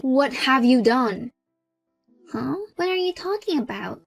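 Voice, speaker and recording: A woman with a high voice tells a dramatized first-person story. She talks in a calm, firm and cool way, with no rush. Faint music sits behind her. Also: a little slow, vocal fry, no echo. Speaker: narrator and homeowner in the story.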